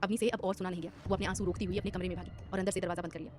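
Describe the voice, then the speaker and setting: Fast, dramatic woman storyteller. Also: on the low side, flat delivery, darkish tone, a little hiss or hum. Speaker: audio story narrator. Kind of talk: dramatic scripted narration. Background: background music.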